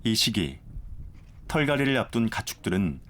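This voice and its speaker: A man narrating a nature documentary from a script in a measured, formal way. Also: lowish voice, big pitch swings, fairly bright tone, a little hiss or hum.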